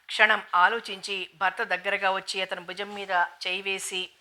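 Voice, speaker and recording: A woman narrating a novel in a steady, even storytelling manner, in an audiobook reading. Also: medium pitch, moderate pace.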